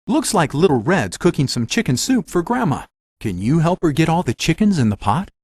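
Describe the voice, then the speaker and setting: A man's voice: a little high, sing-song, brisk, darkish tone, no room sound. A man voicing a helpful magic mirror, a theatrical fairy-tale guide giving scripted, instructive video game hints.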